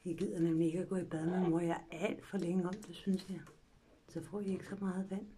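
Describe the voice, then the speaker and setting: A woman chatting to her pet parrot at home in cooing baby talk, jumping between high squeals and hushed whispers, with some blunt swearing. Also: flat delivery. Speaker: parrot owner vlogger. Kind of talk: casual chat to a pet parrot.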